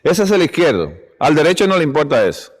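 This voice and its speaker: A man's voice: fairly high pitch, sing-song, quick pace. A man preaching at a church health seminar, telling stories with acted quotes and chuckling often. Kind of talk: sermon-style seminar talk. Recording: long hall reverb.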